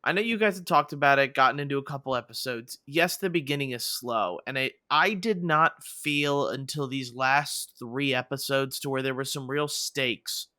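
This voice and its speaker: Podcast co-host, man, bright and forceful tone, dry close sound, talks in loose rambling runs. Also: mid-range voice, normal speed, few pauses, no echo. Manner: rambling, many fillers and restarts. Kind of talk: casual chat.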